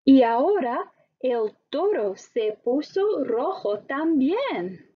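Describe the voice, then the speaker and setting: A woman teacher narrating a story slowly and expressively for language learners. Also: sits high, breathy edge, muffled recording. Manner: very slow, deliberate, expressive storytelling.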